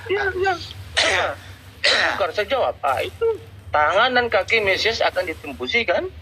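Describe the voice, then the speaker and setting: Male debate guest with a bright, sharp voice, halting and restarting under pressure. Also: sits high, very animated, slightly rough. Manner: hesitant, halting, often cut off. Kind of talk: heated online debate.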